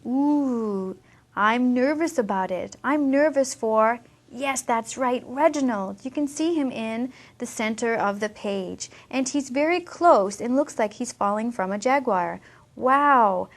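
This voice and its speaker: Woman teacher, slow storybook lesson for kids, fairly high voice, expressive, asks questions. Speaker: English teacher. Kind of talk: storybook reading lesson for children.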